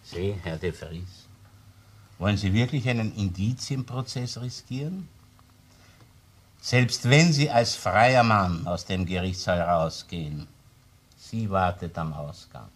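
Speaking low and slowly with long pauses, an actor portrays a wily, insistent Austrian police chief inspector in a crime radio or TV drama. He interrogates in a needling, sarcastic, pressing manner.

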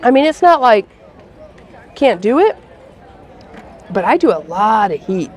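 A woman's voice: fairly high pitch, big pitch swings, measured pace, some chatter behind. Chatty woman reviewing festival food. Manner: chatty, lots of "like" fillers. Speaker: food vlogger. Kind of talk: casual food review chat.

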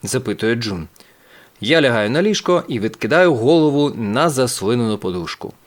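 A man's voice: mid-range voice, animated, moderate pace. A man reading a children's audiobook aloud, telling the story with expression. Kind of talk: audiobook narration.

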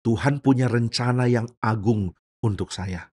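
A man's voice: medium pitch, unhurried, warm tone, slightly rough, pitched below the performer's own voice. A man voicing a humble, faithful young slave who answers meekly and politely. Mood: earnest. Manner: meek and polite.

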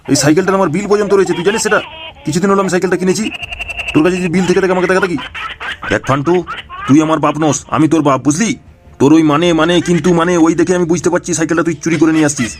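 A man voicing a hot-tempered, protective old grandfather in a cartoon, scolding and shouting. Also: high-pitched, rapid-fire, natural voice. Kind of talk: cartoon voice dubbing.

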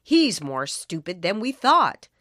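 A woman's voice: on the low side, very animated, slow, a bit bright, no echo, clean studio sound, exaggerated voice. A woman voicing a group of cross adult villagers who scold sternly in a storybook reading. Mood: grumbling.

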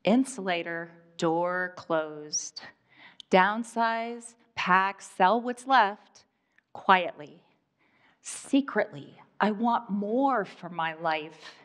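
A woman in her fifties from Iowa performs a personal monologue on a live stage, speaking deliberately with dramatic pauses. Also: medium pitch, expressive, fairly bright tone. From Iowa, USA. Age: 50s. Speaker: storyteller.

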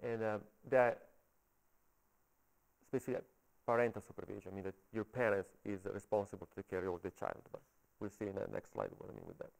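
A man with an Italian accent giving a technical talk at a meetup, halting and often checking in with the audience. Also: fairly low pitch, steady tone, vocal fry, darkish tone, poor audio. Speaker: conference speaker. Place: coworking space meetup room.

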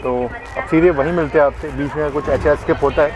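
A man's voice: on the high side, fairly even intonation, fast, rough recording. A young man chatting casually as a train travel vlogger, holding the camera at arm's length. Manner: chatty, filler-heavy, upbeat. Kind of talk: casual travel vlog narration. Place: outdoors on railway platforms and inside a train. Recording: loud outdoor and train noise.

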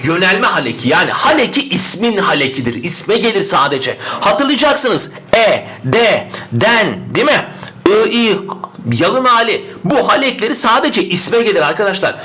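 A male grammar teacher giving a lively, emphatic exam-prep lesson, sometimes asking his students' questions aloud and answering them. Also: high voice, normal speed.

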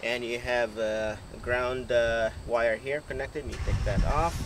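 A man casually narrates his engine job outdoors beside a car. He talks in halting bursts, filling gaps with "uh," and explains each step as he goes. Faint outdoor noise sits under his voice. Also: mid-range voice, fairly even intonation. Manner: halting, many fillers, explains as he works. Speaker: amateur car mechanic vlogger. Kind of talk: casual how-to commentary.

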